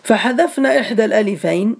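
A man's voice: sits high, quick pace, gravelly. A man teaching a grammar lesson to a class, patiently repeating each step and calling on students by name.

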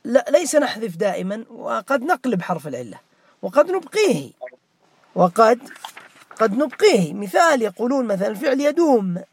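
A man's voice: extremely high pitch, very animated, a little fast, husky. A man teaching morphology, questioning students by name and repeating key words as a drill. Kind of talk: interactive grammar lesson.

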